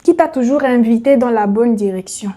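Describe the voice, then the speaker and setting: Woman preaching, lots of rhetorical questions, talks right to you, warm mellow voice. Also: fairly high pitch, moderate pace. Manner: rhetorical questions, addresses listener directly. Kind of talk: motivational sermon.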